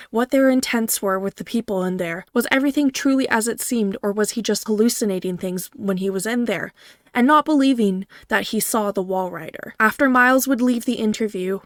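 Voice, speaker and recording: A woman's voice: medium pitch, fairly bright tone, no room sound, studio quality. A woman gaming creator giving a scripted video game review, speaking directly to her viewers.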